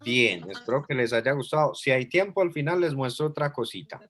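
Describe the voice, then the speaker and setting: A man's voice: mid-range voice, expressive, a little fast, a bit bright. A man teaching an online class, explaining patiently and thinking aloud as he goes.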